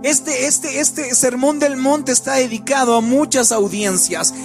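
A man's voice: very high-pitched, a little slow. A man preaching a sermon with a sing-song cadence, often repeating words as he goes. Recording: faint music behind.

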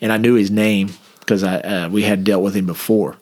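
Brief: male cop, lower voice, casual animated storyteller. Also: a little fast. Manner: animated anecdote with acted-out quotes. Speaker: police officer.

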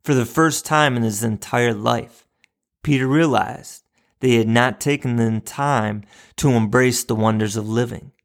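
Gravelly man telling a story. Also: medium pitch, unhurried. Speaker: podcast host for educators. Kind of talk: storytelling narration and podcast outro.

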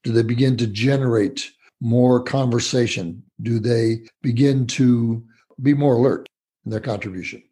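A man co-hosting a talk show on communication, making measured points through a run of rhetorical questions. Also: medium pitch, warm tone, breathy edge. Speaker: co-host. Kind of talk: conversational podcast talk on communication.

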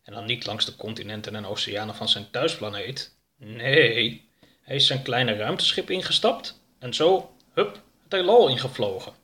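Bright-voiced male storybook narrator. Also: mid-range voice.

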